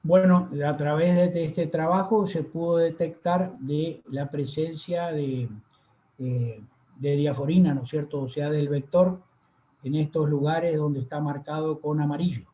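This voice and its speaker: A man giving a university lecture over slides, unhurried and full of fillers and pauses. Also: on the high side, steady tone, mellow. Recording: echoey room, dull lo-fi sound.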